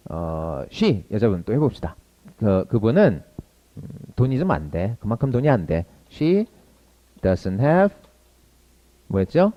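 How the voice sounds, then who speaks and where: A man teaching English to Korean learners in an online lesson, drilling phrases briskly and slowing down for model sentences. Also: mid-range voice, warm tone, lo-fi sound.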